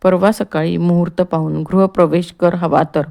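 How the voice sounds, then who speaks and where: A woman's voice: on the low side, steady tone, moderate pace, creaky, warm tone. A woman reading the part of an ailing, restless older man who frets and complains about being kept in bed. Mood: fretful. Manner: complaining, agitated.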